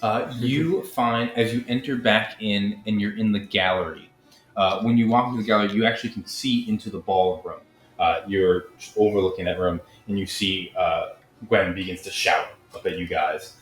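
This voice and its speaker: A man narrating a tabletop game as game master, relaxed and descriptive with filler ums. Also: on the low side, moderate pace. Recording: echoey room with faint music.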